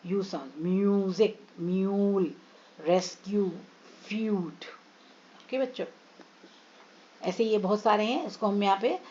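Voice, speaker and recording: A woman with an Indian English accent teaches children phonics online, addressing them as children and blending Hindi into her English. Her lowish, darkish voice slowly draws out each word as she sounds it out, and the audio is dull.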